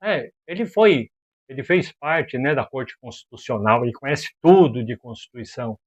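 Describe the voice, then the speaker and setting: At a moderate pace and mid-range pitch, a man from Brazil hosts a video sharing casual opinions. He's animated and exasperated, leaning on slang and rhetorical questions, and the audio sounds dull.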